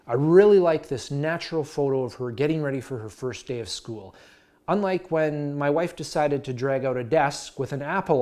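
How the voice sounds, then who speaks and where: A man's voice: mid-range voice, a little mellow. A man in his thirties, a sports blogger, talking through a season preview in a scripted vlog, earnest and story-driven with a dash of self-mockery.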